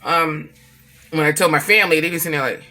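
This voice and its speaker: A woman vlogging casually about family, telling an animated, profane story and acting out what others said. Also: sits low, fast talker. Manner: emphatic, repeats herself for effect.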